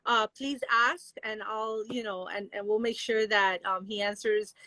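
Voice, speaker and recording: A woman's voice: mid-range voice, fairly even intonation, unhurried, bright, forceful tone, no room sound, poor audio. A woman hosting a casual live interview, chatting and reading out viewers' questions. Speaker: interview host.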